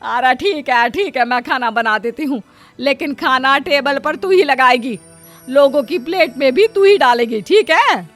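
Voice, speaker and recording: A woman's voice: high voice, unhurried, fairly bright tone, faint music behind. A woman voicing a bossy, scolding middle-aged mother-in-law in a cartoon story.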